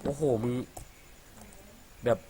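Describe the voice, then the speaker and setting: A man's voice: slow pace, dark tone, a little hiss or hum. A young man from Thailand giving casual, profane let's-play commentary, chattering and laughing as he plays. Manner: rowdy and profane, laughs a lot, playful chatter. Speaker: gaming commentator.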